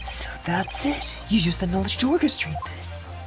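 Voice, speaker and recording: A woman's voice: mid-range voice, expressive, moderate pace, over music, close to an everyday voice. A woman voicing an earnest young male defense lawyer in a fan game dub, stammering and urgent.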